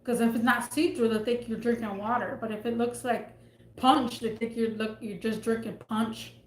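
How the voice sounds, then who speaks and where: A woman's voice: fairly high pitch, fairly even intonation, normal speed. Rambling woman live streamer, echoey room. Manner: rambling, chatty, trails off and restarts. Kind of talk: casual live-stream chat. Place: at home at her desk. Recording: echoey room with faint background noise.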